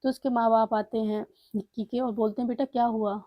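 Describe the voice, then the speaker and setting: A woman's voice: fairly high pitch, steady tone, fairly quick, no room sound, lo-fi sound. A woman casually telling a family story, retelling the dialogue in her plain voice with fillers and restarts.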